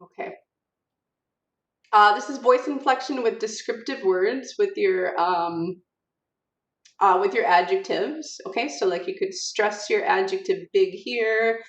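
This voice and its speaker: A woman's voice: mid-range voice, measured pace. A woman teacher giving a recorded lecture in an informal, filler-heavy way, reading example sentences aloud to show word stress. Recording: roomy, distant, dull audio.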